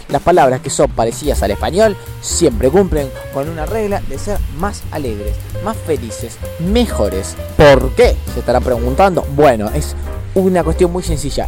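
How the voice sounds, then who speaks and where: An Argentine man hosts a scripted comedy monologue with a lively, swinging delivery. His voice sits a little high, and he rants in a mock-serious, exaggerated way. Faint music plays underneath. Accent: Argentine Rioplatense Spanish. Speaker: comedy web series host.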